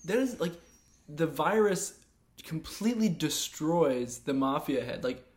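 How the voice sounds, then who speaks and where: A man's voice: fairly high pitch, expressive, unhurried. A man chatting casually as a co-host on a film discussion show. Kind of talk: casual chat.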